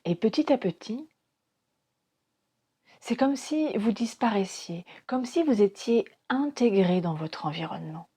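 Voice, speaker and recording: A woman with a medium-pitched, breathy, husky voice leads a guided meditation as a yoga nidra teacher. Her tone is dark and relaxed, and she speaks very slowly. She offers calm, soothing instructions in short phrases, with pauses between them.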